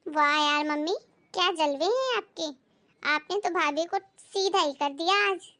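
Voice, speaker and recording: A woman's voice: sits high, measured pace, sharp tone. A woman acting a spoiled, scheming daughter who tattles on her sister-in-law in a family drama. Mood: tattling. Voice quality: whiny, tattling.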